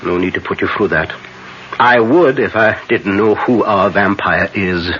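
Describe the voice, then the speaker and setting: An actor playing an older professor and vampire hunter, solemn, urgent and authoritative, in old-time radio horror style. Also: male voice, fairly low pitch, a little slow, lightly acted. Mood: grave, insistent. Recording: dull vintage radio recording, faint hiss.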